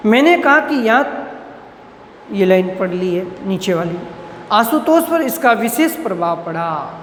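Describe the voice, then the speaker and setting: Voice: medium pitch, animated, a little slow, a little hiss or hum. Teacher explaining a story in an echoey room. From Rajasthan, India. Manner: reads a line, then restates it in plain words. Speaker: college teacher. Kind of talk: reading and explaining a Hindi story line by line.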